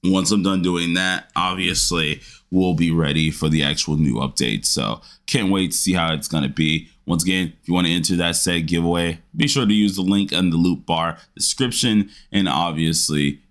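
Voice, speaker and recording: Man, very low voice, groggy morning voice, casual rambling gaming host, lots of filler words. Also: moderate pace, hardly any pauses, a bit bright. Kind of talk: casual game update talk.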